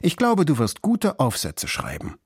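A man's voice: on the high side, wildly swooping pitch, a little slow, slightly rough, no room sound, clean studio sound, pitched above the performer's own voice, heavily acted. A man voicing a patient, mildly teasing mother in a storybook, soothing and indulgent.

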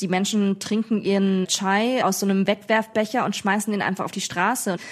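A woman reporting as a foreign correspondent for a radio feature, matter-of-fact. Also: mid-range voice.

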